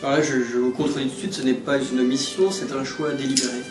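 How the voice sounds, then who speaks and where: A man playing a pompous, self-satisfied intellectual film director in a parody interview, rambling with hesitant pauses and mock modesty. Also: mid-range voice, level tone, recorded from a distance, close to an everyday voice. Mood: defensive, lofty. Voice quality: hesitant, filler-laden delivery. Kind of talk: parody interview, improvised-sounding. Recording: roomy echo, music behind.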